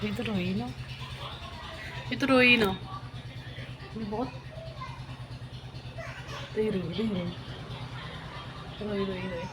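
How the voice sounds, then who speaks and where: Talking slowly and pausing often over music, a woman in a family vlog chats to her viewers and coos at her baby in a high sing-song voice. It's casual home vlog talk set in her kitchen and living room, captured with poor audio.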